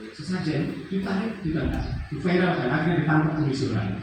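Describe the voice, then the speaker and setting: A middle-aged man giving an emphatic training lecture, climbing high through lists and dropping low on asides. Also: fairly quick. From Java. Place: training hall. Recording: echoey hall from far off, noisy.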